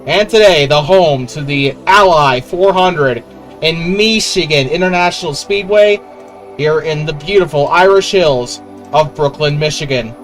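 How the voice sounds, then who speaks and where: A man calling a race as a motorsport commentator, with excited play-by-play and an informal, joking way of talking. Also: a little high, unhurried, faint music behind. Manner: motorsport commentator delivery, rising to excited calls.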